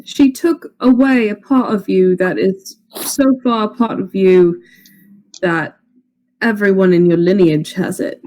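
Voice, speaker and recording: A woman's voice: medium pitch, measured pace, warm tone, low-quality recording. A young woman roleplaying at a tabletop game, firing blunt, incredulous questions in character. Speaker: player.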